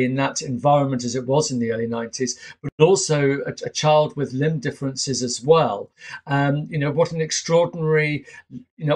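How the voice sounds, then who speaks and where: A man in his fifties hosting an interview over a video call from a small home room, asking measured questions with frequent fillers. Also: on the high side. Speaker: interview host. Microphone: webcam on a video call.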